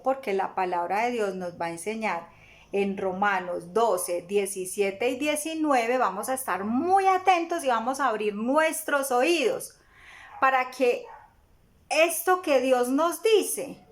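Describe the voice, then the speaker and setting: Slow, earnest woman teaching Bible. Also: fairly high pitch. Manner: earnest, asks rhetorical questions, acts out everyday examples. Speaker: church teacher. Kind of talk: Bible lesson sermon.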